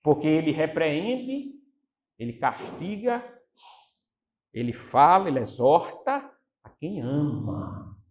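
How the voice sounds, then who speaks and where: A man preaching a sermon as pastor, animated, acting out quotes and putting questions to the congregation. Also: fairly high pitch, slow pace, long pauses.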